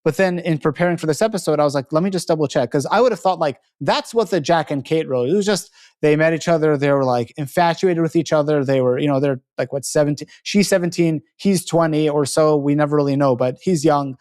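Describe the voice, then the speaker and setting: Speaking a little fast in a fairly high, darkish voice, this man hosts a podcast in a chatty, slightly rambling way. "Like" and "you know" pepper his talk, and he keeps revising what he's just said.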